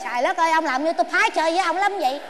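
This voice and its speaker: A woman with a Southern Vietnamese accent playing a stubborn elderly wife in a stage comedy sketch, whiny and quick-tongued. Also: extremely high pitch. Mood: bickering.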